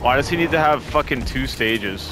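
A young man playing a horror game and chatting casually, full of excited, swearing exclamations. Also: medium pitch, normal speed, music in the background. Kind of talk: casual let's-play chat.

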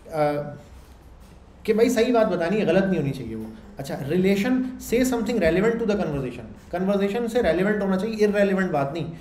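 Loud, chatty male lecturer. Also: high voice, animated, normal speed. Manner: loud, conversational teaching with frequent check-ins to the class. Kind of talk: classroom lecture. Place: classroom. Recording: echoey room with faint background noise.

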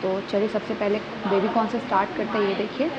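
This young woman's food vlog comes through dull audio over a noisy crowd, shot on a phone at arm's length in a small restaurant and outside its door. Speaking fast with a medium-pitched, level voice, she chats about each dish as she tries it.

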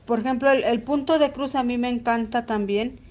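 A woman's voice: fairly high pitch, steady tone, normal speed, darkish tone. Chatty Mexican woman teaching embroidery. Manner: chatty, greets viewers by name while stitching. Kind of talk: live-stream embroidery tutorial.

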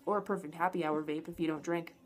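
A woman's voice: low-pitched, fairly even intonation, quick pace. A young adult woman giving a casual, enthusiastic product review to camera in an informal way. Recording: noticeable background noise, home camera audio.

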